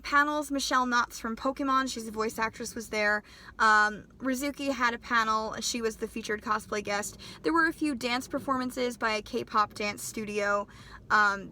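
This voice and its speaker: A cosplay vlogger in her twenties chats casually in her vlog, friendly and self-deprecating, her slightly high, sharp-toned voice still not back to normal as she recovers from a sinus infection.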